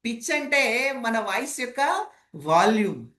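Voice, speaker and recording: In an online training session, a woman teaches voice modulation, deliberately shifting between loud, soft, fast, and slow speech to illustrate her points. Her voice sits on the high side with big pitch swings, she asks the audience rhetorical questions, and the room is echoey.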